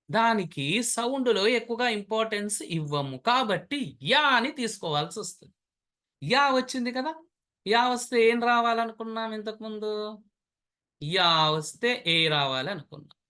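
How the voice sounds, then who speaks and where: A man's voice: high-pitched, sharp tone. A man, teaching an English grammar lesson, explaining step by step and repeating sounds.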